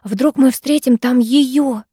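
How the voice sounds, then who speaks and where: A woman reading an audiobook, voicing a timid, frightened teenage schoolgirl in a high, pleading, trembling voice. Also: measured pace, warm tone, no echo, clean studio sound.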